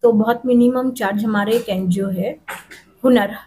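Woman, middle-aged, salon owner, hesitant with fillers, mellow, slightly high. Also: steady tone, slight background noise. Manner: hesitant, with many pauses and fillers. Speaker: salon owner and makeup artist. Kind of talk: on-camera interview. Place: indoor salon with tiled walls. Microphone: handheld reporter mic.

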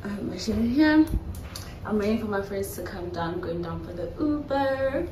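A woman's voice: mid-range voice, expressive, normal speed, roomy sound, background noise. A woman in her twenties from South Africa, vlogging casually to a phone held at arm's length and chatting to her viewers. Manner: chatty, playful, addresses viewers as guys. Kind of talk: casual vlog chat to camera. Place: hotel lift and rooms, indoors.

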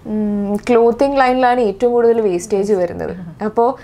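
A young actress with a Malayali accent, answering interview questions thoughtfully and hesitantly, with many fillers and restarts. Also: female voice, mid-range voice, moderate pace, warm tone. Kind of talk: casual interview.

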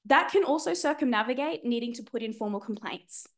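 A young Australian woman with a fairly high voice speaks as a student on a panel. She shares personal experience as motivational advice, with emphatic, dramatic phrasing and plenty of colloquial turns. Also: expressive, a little fast. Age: young adult.

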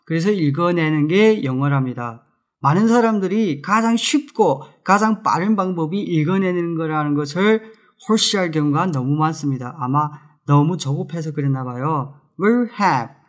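Korean male English teacher, high voice, drills phrases slowly and with emphasis. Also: lively intonation. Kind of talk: spoken English lesson.

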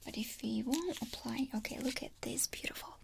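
Whispering young woman, creaky ASMR role-play. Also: fairly high pitch, normal speed. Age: 20s. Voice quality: breathy, unvoiced whisper. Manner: soft, chatty, instructing the listener up close. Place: small indoor room at home. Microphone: close mic, near the camera.

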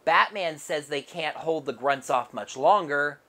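A woman's voice: low-pitched, measured pace, a bit bright. A woman narrating a casual comic book review with wry, sarcastic asides.

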